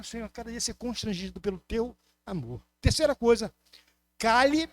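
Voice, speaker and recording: This pastor's sermon is impassioned, his very high-pitched voice carrying a Brazilian Portuguese accent as he alternates loud emphasis and soft asides. No room sound is audible.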